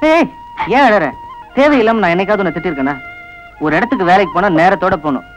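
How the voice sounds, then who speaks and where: A man's voice: high-pitched, lively intonation, quick pace, soft background music, poor audio. An actor playing a young village man who oversees the field workers, scolding and then tender with his cousin. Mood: tender, pleading. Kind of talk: TV drama acting.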